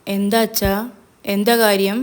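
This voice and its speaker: A woman's voice: mid-range voice, level tone, measured pace, smooth, lightly acted. A woman putting on a pleading young daughter. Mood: anxious. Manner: pleading, emotional.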